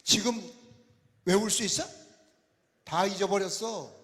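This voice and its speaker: An older pastor from Chungcheong, Korea, preaches a revival sermon in a large church sanctuary, teasing and quizzing his congregation in a folksy way. His voice is high, unhurried and fairly bright, with long hall reverb around it.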